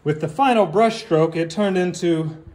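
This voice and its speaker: Like a teacher, a man reads a picture book deliberately to young listeners, tossing in casual asides and questions. He has a high voice that's a little mellow.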